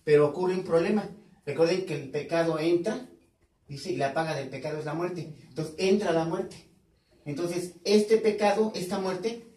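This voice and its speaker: A man's voice: on the high side, darkish tone, slight background noise. A male pastor teaching a sermon, quizzing the congregation with questions and repeating key words. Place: church hall. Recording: echoey hall, voice from far off.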